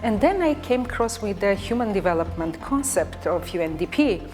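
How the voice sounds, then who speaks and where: A woman's voice: medium pitch, expressive, moderate pace, a little mellow, soft background music. A woman, a diplomat, explaining her path in an interview and often saying "I mean". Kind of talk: interview answer.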